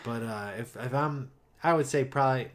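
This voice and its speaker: A man's voice: medium pitch, moderate pace. A man co-hosting a podcast, chatting about politics in a wry, teasing way and hedging with 'I mean'. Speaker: podcast co-host. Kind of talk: casual political chat.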